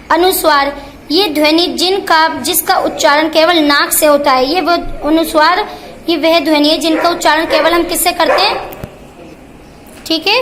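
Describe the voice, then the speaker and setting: A woman's voice: high-pitched, fairly bright tone, slight background noise. A woman teacher giving a grammar lesson to children, repeating points and asking questions that she then answers herself. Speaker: school teacher.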